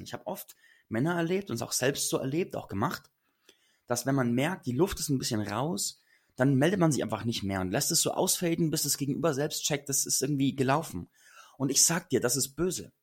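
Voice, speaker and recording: A man's voice: mid-range voice, breathy edge. A man giving casual but earnest relationship advice to listeners, emphatic and slangy.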